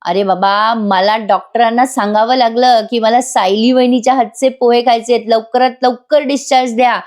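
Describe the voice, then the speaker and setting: A woman's voice: fairly high pitch, fairly even intonation, normal speed, darkish tone, close to an everyday voice. Playful joking young man, teasing tone, read by a woman narrator.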